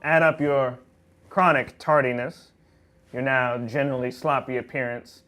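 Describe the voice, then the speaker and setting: An actor playing a petty, pompous, vindictive office boss who scolds melodramatically in a comedy drama. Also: male voice, mid-range voice, steady tone, moderate pace, sharp tone, faint music behind, natural voice. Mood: condescending, scolding. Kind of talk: comedic audio-drama dialogue.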